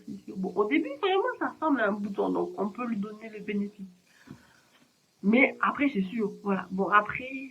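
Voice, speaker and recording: A woman's voice: a little high, creaky. Chatty woman talking books at home, kinda muffled lo-fi mic, bit of hiss. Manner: chatty and rambling, many fillers. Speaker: book vlogger. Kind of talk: casual chat. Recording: dull lo-fi sound with faint hiss.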